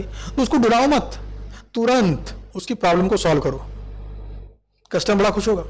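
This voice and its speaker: A man giving a recorded commerce lecture, explaining with everyday examples and acted-out quotes. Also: sits high.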